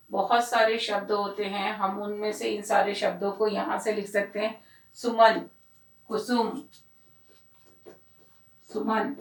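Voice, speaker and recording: A woman teaching a primary school lesson, explaining slowly and repeating words so children hear the pronunciation. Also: medium pitch. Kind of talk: classroom lesson. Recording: echoey room, voice from a distance.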